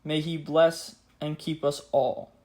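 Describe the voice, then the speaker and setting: A man giving a scripted history narration in a grave, measured, earnest way, as a podcast host. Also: on the high side, level tone, a little mellow. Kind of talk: scripted history narration with a solemn read-out speech.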